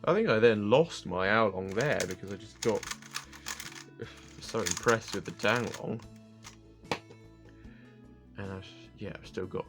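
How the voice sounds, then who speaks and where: Male reviewer, low gravelly voice, loose rambling delivery, music underneath. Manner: rambling, self-correcting, thinking aloud. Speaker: cube reviewer. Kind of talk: casual unboxing review. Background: background music.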